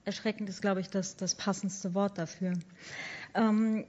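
A woman's voice: mid-range voice, little pitch movement, unhurried, warm tone. A woman moderates a panel discussion, hesitant, with many fillers and restarts. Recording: dull lo-fi conference audio.

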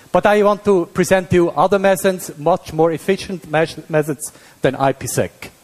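A man with a Swiss German accent delivers a technical lecture like a professor at a conference. His voice sits a little high for a man, and he speaks haltingly, with long hall reverb around him. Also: darkish tone. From Switzerland. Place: indoor hall at a tech conference.

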